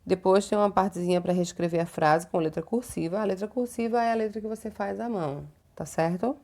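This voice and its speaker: A Brazilian woman teaching young children a homework lesson, slow, patient and didactic, stretching words out and checking in often. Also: medium pitch, warm tone. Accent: Brazilian Portuguese. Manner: uses many diminutives and checking tags. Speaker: primary school teacher.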